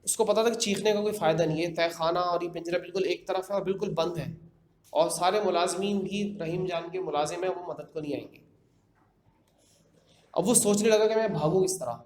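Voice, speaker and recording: A man's voice: sits high, a little mellow. A man casually retelling a horror story in his own words, conversational, with fillers and repeated phrases. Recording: echoey room with faint background noise.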